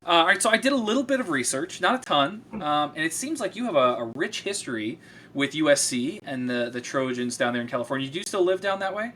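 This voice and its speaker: Bright-voiced upbeat male host. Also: on the high side, sing-song, fast, slight background noise. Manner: upbeat, chatty, laughs easily. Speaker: interview host. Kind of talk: casual interview.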